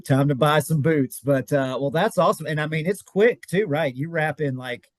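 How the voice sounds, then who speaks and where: A man's voice: on the high side, normal speed, dry recording. A man hosting a podcast interview, friendly and encouraging with hesitant fillers. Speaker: podcast host.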